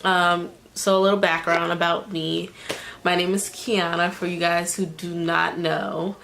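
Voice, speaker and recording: A woman's voice: lowish voice, little pitch movement, a little slow, gravelly, fairly bright tone, slight background noise. A woman of twenty-one telling her own story in a vlog, candid and rambling, often restarting her sentences. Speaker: vlogger.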